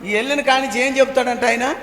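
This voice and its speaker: A very high-pitched male pastor delivering a sermon. He poses questions to the congregation, answers them himself and hammers phrases home through repetition. His voice rings through a hall with a long, echoing reverb. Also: fairly even intonation, fast talker, pushed and bright.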